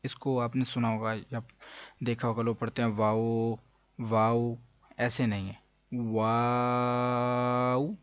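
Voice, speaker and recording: A man teaching the pronunciation of Arabic letters in a lesson, pausing to stretch out each letter sound. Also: mid-range voice, flat delivery, no echo, lo-fi sound. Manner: patient, drawn-out letter demonstrations.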